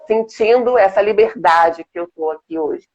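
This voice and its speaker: A woman's voice: medium pitch, normal speed, a little mellow. Brazilian woman guest opening up on a video call, earnest and reflective, muffled sound. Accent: Brazilian Portuguese. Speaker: guest, business mentor. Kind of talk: casual interview chat.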